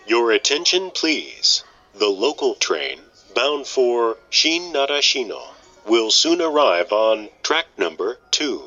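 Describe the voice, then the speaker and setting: A man reads a formal train station announcement very slowly and deliberately. His bright, clear-cut delivery moves animatedly in pitch, over a slightly dull recording with faint music behind it. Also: sing-song.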